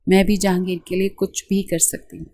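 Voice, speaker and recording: A woman reading a gentle young wife in love. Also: fairly low pitch, level tone, vocal fry. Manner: gentle, innocent.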